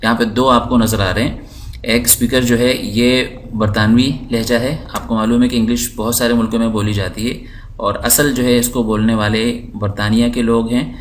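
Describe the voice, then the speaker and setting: Man patiently teaching English from his screen. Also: medium pitch. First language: Urdu. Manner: slow explanatory teaching, repeating words. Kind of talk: screen-recorded lesson.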